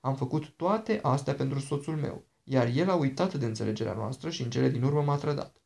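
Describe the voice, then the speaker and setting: A man's voice: mid-range voice, gravelly, darkish tone, lightly acted. A man voicing an ancient princess, a charming and dangerous woman who talks in a sweet, persuasive, coaxing way.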